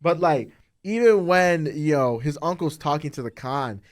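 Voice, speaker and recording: A young man co-hosting a podcast, chatting casually and excitedly with lots of fillers and restarts. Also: a little high, moderate pace. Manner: rambling, excited, heavy on fillers. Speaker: podcast co-host. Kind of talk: casual chat.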